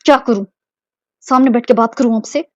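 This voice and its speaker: A woman's voice: normal speed, no echo, muffled recording, close to an everyday voice. A woman voicing a proud, easily embarrassed young wife who scolds indignantly, in an amateur audio drama. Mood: scolding. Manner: indignant scolding, shrill shouts.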